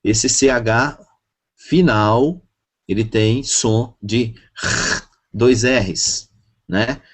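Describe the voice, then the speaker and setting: Man, classroom teacher, drawn-out delivery, mid-range pitch, repeats words to drill them. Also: slightly rough. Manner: slow, repeats each word to drill pronunciation. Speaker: Hebrew teacher. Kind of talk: classroom lesson.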